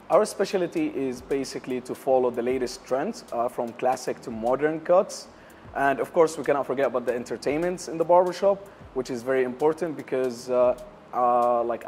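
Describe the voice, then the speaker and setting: A man's voice: mid-range voice, darkish tone. Hesitant young Syrian man, lapel mic. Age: young adult. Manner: hesitant, many uh fillers, non-native English grammar. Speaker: barbershop owner, interview guest. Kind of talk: interview answers. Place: lounge area of a barbershop, indoors.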